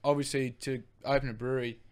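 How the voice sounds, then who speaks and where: A man's voice: medium pitch, flat delivery, quick pace, clear, resonant tone. A young man with an Australian accent, telling his brewing story in a rambling, casual way and swearing now and then. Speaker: brewery co-founder guest.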